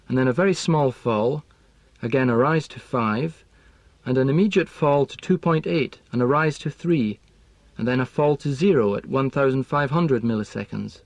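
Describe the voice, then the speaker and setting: Measured man explaining a lesson. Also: medium pitch, no echo. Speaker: language teaching expert.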